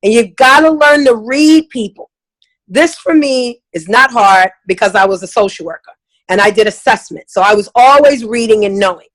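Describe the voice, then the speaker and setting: A woman's voice: a little high, moderate pace, low-quality recording. A middle-aged woman giving a casual, emphatic talk as a sales trainer, now and then acting out customer voices.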